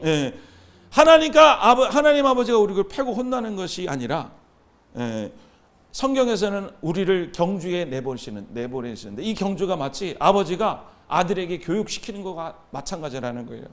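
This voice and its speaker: A male pastor in his thirties delivers a sermon with a high, ringing voice. He is animated and keeps calling out to the congregation for answers. His delivery swings between loud exhortation and soft asides. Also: normal speed. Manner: animated, call-and-response with the congregation.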